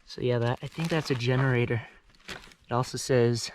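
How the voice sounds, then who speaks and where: Out on a remote mountain slope, a young explorer and vlogger chats casually to his viewers, easily explaining each thing he comes across. His voice sits at an ordinary middle pitch with a steady tone and moderate pace, against slight background noise.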